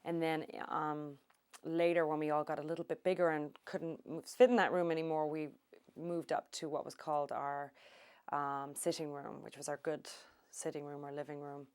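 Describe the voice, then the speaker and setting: Low-voiced Irish-born woman reminiscing. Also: flat delivery, a little mellow, smooth. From Ireland. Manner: unhurried, thoughtful, with many ums. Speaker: oral history interviewee. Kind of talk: reminiscing interview.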